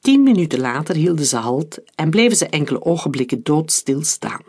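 A man narrating an adventure novel as an audiobook in a calm, steady reading. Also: on the high side, brisk, slightly rough. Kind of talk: scripted narration.

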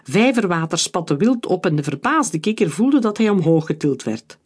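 A man reading a children's adventure story aloud in a lively, dramatic way. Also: high voice, normal speed, slightly rough. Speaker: narrator.

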